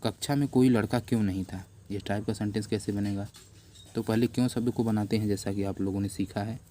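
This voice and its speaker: Low, flat-voiced man dictating an English lesson. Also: a little hiss or hum. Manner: spells words letter by letter, repeats slowly; addresses viewers as friends, patient. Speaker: English teacher. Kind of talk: classroom-style lesson, slow dictation. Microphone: camera on a notebook while writing.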